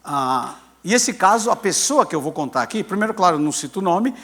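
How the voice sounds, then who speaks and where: This high, brisk voice belongs to a pastor in his sixties. He is an animated storyteller, and mid-sermon he acts out the quoted lines of the people in his tale.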